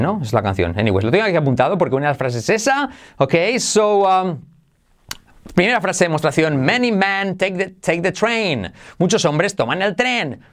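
Animated man teaching English. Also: sits high. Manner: animated, switching between Spanish and English, sings snatches of songs. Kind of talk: lively English lesson.

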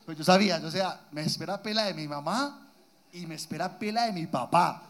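Man, high voice, animated, profane comic storyteller, live podcast. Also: brisk. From Colombia, Guatapé area. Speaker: podcast co-host. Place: live stage before an audience.

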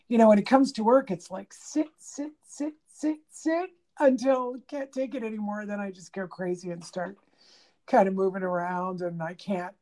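A woman co-hosting a podcast in casual chat, talking haltingly with many fillers and restarts. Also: mid-range voice, warm tone. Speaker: podcast co-host. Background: pet bird chirping.

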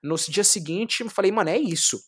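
A young man from Brazil, a street clown, telling his story in a casual interview, lively, swearing often and acting out what he said back then. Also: high-pitched, fairly quick, slightly rough. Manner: animated, swearing, acts out his own past words.

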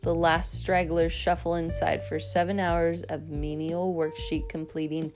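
A woman narrating a children's chapter book in the first person with lively storytelling. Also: deep voice, measured pace, music in the background. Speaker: audiobook narrator.

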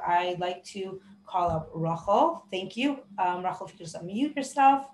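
A woman hosting a live online podcast, introducing the session in a friendly, halting way with many ums. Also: mid-range voice. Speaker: podcast host. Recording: roomy with faint noise.

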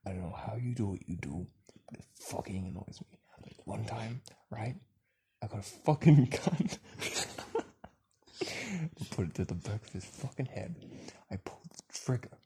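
A man with a low voice spins absurd, profanity-laden stories in loose comic banter. His pitch swings widely as he goes, and he keeps cracking himself up. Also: lively intonation, a little slow, dark tone, a little hiss or hum. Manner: profane, absurd rambling storytelling, often breaks into laughter. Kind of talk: improvised crude comedy banter.

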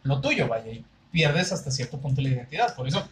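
A man's voice: medium pitch, lively intonation, fairly quick, fairly bright tone, slight background noise, low-quality recording. A Mexican man co-hosting a podcast, curiously explaining where words come from in casual chat. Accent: Mexican Spanish. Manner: curious, explanatory, thinks aloud. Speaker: podcast co-host.

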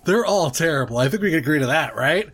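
A man's voice: a little high, lively intonation, quick pace, a bit bright, breathy edge. A man co-hosting a podcast in casual chat. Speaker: podcast co-host.

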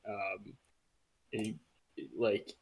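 A man's voice: on the low side, completely flat delivery, drawn-out words, a little hiss or hum. A young man co-hosting a casual podcast chat, joking and swearing with frequent laughs. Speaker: podcast co-host.

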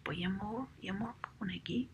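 A woman voicing a loving, cheerful old wife in a whispered role-play, warmly delighted. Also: medium pitch, creaky.

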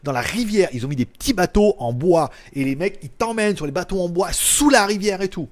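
A man chatting casually on a live stream, reading viewers' comments and joking, loud one moment and mumbling the next. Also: sits high, expressive, a little fast. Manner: loud, jokey, trails off into mumbles and chuckles. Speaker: tech YouTuber hosting a live stream. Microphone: small clip-on mic.

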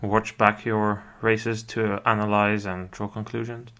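A man's voice: lowish voice, little pitch movement, a little slow, sharp tone. A man hosting a cycling podcast, asking long, rambling questions and correcting himself along the way. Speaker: podcast host. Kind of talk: interview questions.

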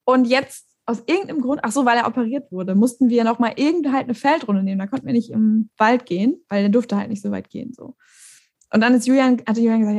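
A woman with a husky, rather high voice tells a story in a relaxed conversation. She talks casually and animatedly and laughs easily between her sentences. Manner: animated storytelling, laughs often, mimics others. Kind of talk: casual chat.

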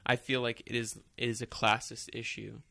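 Blunt, sarcastic man with a bright voice. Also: medium pitch, flat delivery, moderate pace, vocal fry. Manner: blunt, sarcastic, swears freely. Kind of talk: casual chat.

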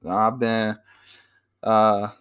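Born in Georgia and raised in Virginia, this man in his late twenties co-hosts a casual, unscripted podcast, laughing often and rambling through restarts. His voice is lowish, level, smooth and a bit bright, and he speaks extremely slowly.

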